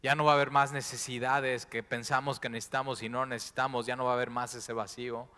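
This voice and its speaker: Male pastor, bright tone, hushed-to-fervent sermon delivery, big reverberant hall. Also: mid-range voice, level tone, quick pace, clean tone. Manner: swings between hushed and loud impassioned preaching.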